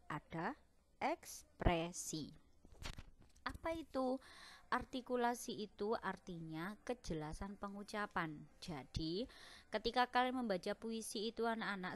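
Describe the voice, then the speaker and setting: A young woman, a primary school teacher, patiently explaining a lesson to children in an online class. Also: mid-range voice.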